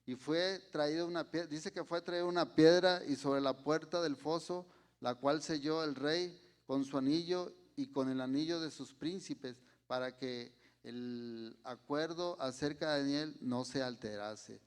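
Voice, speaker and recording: Male preacher with a Mexican Spanish accent, fairly high voice, very slow pacing with "¿sí?" check-ins. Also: clear, resonant tone. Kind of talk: sermon.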